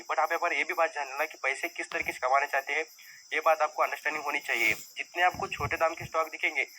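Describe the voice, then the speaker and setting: A man's voice: on the high side, sharp tone, poor audio. A man teaching viewers about stock market risk in a conversational, repetitive lesson style. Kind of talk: explanatory screen-share lesson.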